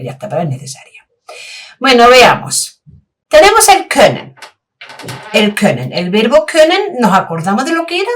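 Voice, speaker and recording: Patient woman teaching with lively, slow delivery. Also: medium pitch. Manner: patient, repeats and drills example sentences; asks rhetorical questions to the learner. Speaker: German teacher. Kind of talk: slow, clear language lesson.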